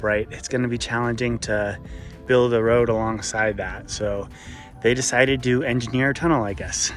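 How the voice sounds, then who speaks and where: A man narrates his hike in a loose, easygoing ramble, leaning on fillers as he goes. His voice sits at an ordinary middle pitch, and he is recorded outdoors on a small camera he carries. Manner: relaxed, rambling, many fillers. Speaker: hiking vlogger. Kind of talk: casual trail narration. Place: outdoors on mountain trails.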